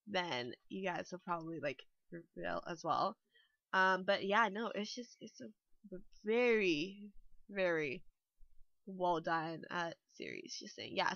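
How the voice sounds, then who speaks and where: Her lowish voice is creaky yet bright and forceful, captured dry with no room sound on a dull lo-fi mic. A young vlogger who builds games, still a little sick and somewhat nasal, she rambles chattily through her walkthrough voice-over with plenty of fillers.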